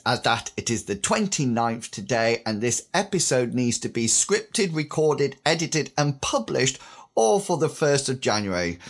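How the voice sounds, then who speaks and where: A British man in his fifties with a slightly husky voice, recovering from a sore throat, hosting a podcast in a scripted style. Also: medium pitch. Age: 50s. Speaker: podcast host.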